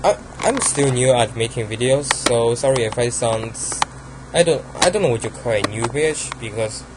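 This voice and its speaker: Talking through his card game deck in a casual, halting way, a young man with a Chinese accent keeps saying um and starting over. His voice sits at medium pitch, he moves at a moderate pace, and the background is noisy.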